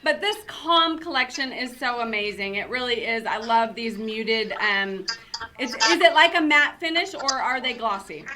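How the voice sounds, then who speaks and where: A woman's voice: a little high, moderate pace, sharp tone, a little hiss or hum. A woman hosting a casual beauty show, chatting bubbly and laughing often with her guest. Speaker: host and salon owner. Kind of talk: casual chat about beauty products.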